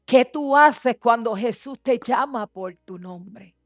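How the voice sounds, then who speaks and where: Woman pastor, sermon delivery, slow and deliberate, hushed lows to fervent highs, dry close sound. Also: no room sound. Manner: swings between soft hushed passages and loud impassioned preaching. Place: church.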